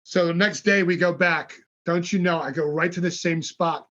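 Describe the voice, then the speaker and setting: A man guest on a podcast, telling stories in a casual, animated way, swearing freely and acting out what people said. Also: sits high, moderate pace, highs cut off. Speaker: podcast guest, fishing brand founder. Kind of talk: casual storytelling.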